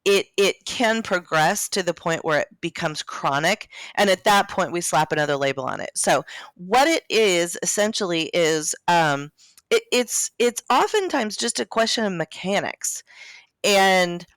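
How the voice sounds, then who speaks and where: A woman co-hosting a health podcast in a groggy morning voice, pitched on the low side. She explains things in a chatty, joking way. The sound is dry and close. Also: animated, unhurried, fairly bright tone, no echo. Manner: chatty, explains anatomy with jokes. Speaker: podcast co-host. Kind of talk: casual health podcast chat.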